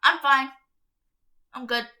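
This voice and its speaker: Giggly high bright-voiced woman. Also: slow. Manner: giggly, easily sidetracked, chatty. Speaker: channel host. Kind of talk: casual chat, reading aloud to viewers.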